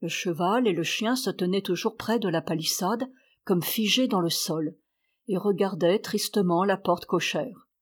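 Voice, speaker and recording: A woman reading a classic short story aloud as an audiobook, in a measured, steady way. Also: on the low side, slightly rough. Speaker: audiobook reader. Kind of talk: literary audiobook narration.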